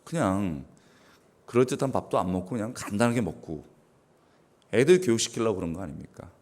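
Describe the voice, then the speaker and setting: A middle-aged man delivering a revival sermon in a low, deep voice. His pitch leaps and falls widely as he preaches, breaking into sudden raised exclamations and clearing his throat now and then. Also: sing-song, fairly quick, darkish tone. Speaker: guest pastor.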